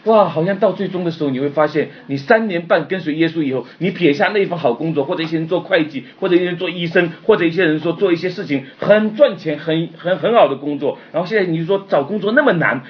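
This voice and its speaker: A man preaching a sermon, impassioned and confessional, swinging between loud outbursts and quiet, subdued stretches. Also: a little high, lively intonation, quick pace, hardly any pauses, dull audio. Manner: personal and confessional, retelling his own despair.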